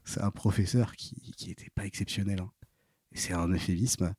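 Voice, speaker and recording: Low-voiced young man, halting fillers. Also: steady tone, darkish tone, breathy edge, no room sound, clean studio sound. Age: 20s. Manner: hesitant, full of fillers and restarts. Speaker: podcast guest. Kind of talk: casual interview storytelling.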